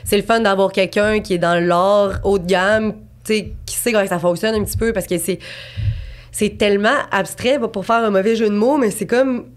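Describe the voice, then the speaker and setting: A woman's voice: mid-range voice, normal speed. A woman in her twenties with a Québécois accent, a painter talking as a guest in a casual podcast interview, chatty and rambling with lots of fillers and restarts. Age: 20s.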